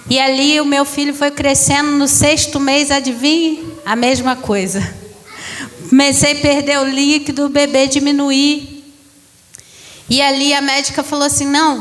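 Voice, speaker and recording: A woman's voice: high-pitched, fairly bright tone, long reverb tail. A woman in her thirties, a pastor giving an emotional testimony to a congregation, calling them brothers. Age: 30s. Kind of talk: church testimony.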